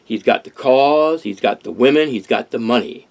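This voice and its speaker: A man's voice: medium pitch, normal speed. An older man, hosting a casual discussion in an earnest, rambling way with many restarts. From Harlem, New York. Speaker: host.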